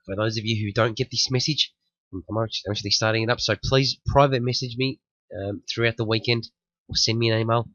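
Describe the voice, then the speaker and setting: In a muffled, dry recording, a man with a lowish, slightly bright voice speaks quickly with fairly even intonation. He hosts a day trading room, sniffly as he recovers from the flu, and walks through the market with many restarts, repetitions and cautions.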